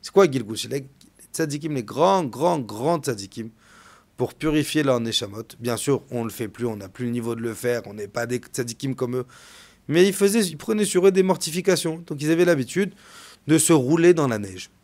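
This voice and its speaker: A man, a rabbi, delivering a storytelling sermon, swinging from hushed to loud. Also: mid-range voice, lively intonation, brisk.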